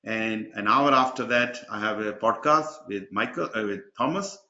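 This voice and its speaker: A man's voice: on the low side, normal speed, bright, forceful tone. A man hosting an online webinar, chatty and rambling, with many fillers. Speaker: webinar host and exam mentor. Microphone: video call. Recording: dull, echoey video call audio.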